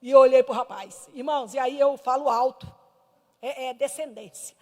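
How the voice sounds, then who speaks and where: High-voiced fervent Brazilian woman preaching. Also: fairly even intonation, moderate pace, in a large hall. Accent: Brazilian Portuguese. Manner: fervent, emphatic storytelling that swings between hushed and loud. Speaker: missionary preacher. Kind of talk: Sunday school sermon with personal testimony. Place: church hall.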